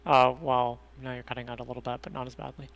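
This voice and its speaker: Man, bright voice, choppy internet call cutting out, distant and faint, halting and unsure. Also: medium pitch, flat delivery, gravelly. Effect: online voice call audio cutting out. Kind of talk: casual chat.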